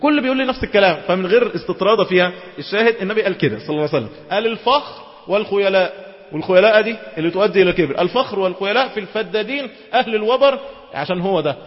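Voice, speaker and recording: A man with an Egyptian accent giving an Islamic lecture, switching between classical quotations and quick colloquial asides. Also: high voice, lively intonation. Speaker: preacher. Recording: dull lo-fi recording in a reverberant hall.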